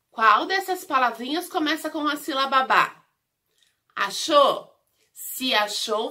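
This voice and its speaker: A bright, lively woman leads a lesson for little children. She speaks very slowly and in a sing-song way, stretching and repeating syllables so they can follow. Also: high voice. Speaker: preschool teacher. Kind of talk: recorded lesson for young children.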